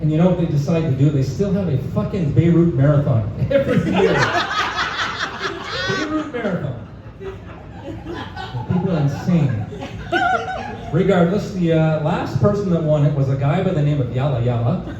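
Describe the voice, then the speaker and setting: This young Canadian comic has a highish, animated voice and a moderate pace, pausing often as he does live stand-up in a pub comedy room. Casual and peppered with "uh," he chuckles at his own jokes, while the distant mic yields dull, noisy sound with bar-room echo.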